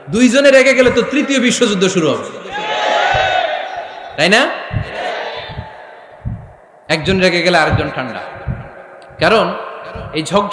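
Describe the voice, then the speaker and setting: A man preaching a lively waz sermon, asking the crowd questions and acting out voices, recorded through a PA system a lot of echo. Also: sits high, a little hiss or hum. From Bangladesh. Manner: animated, acts out voices, asks the crowd questions. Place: outdoor religious gathering with PA system. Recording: echoey, long reverb from the PA.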